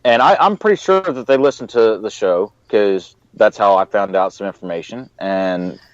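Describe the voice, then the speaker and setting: A man's voice: on the low side, moderate pace, dry recording. A man co-hosting a show, talking in a blunt, profane, opinionated way. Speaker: show co-host. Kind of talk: casual chat. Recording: dry, muffled lo-fi audio.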